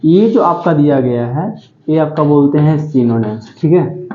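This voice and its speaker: Fairly high-pitched and animated but a little slow, a man lectures on English vocabulary for exam preparation. He hammers each word home, repeating "ठीक है" and asking himself questions. The audio is lo-fi, dull and echoey, as if captured in a roomy space.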